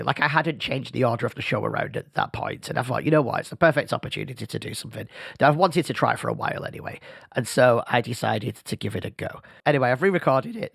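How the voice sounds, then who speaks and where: Hosting a solo podcast with a failing voice, this man rambles casually and in a self-deprecating way. Vocal fry colors his mid-range voice, and his podcast mic gives a studio-quality take with no room sound.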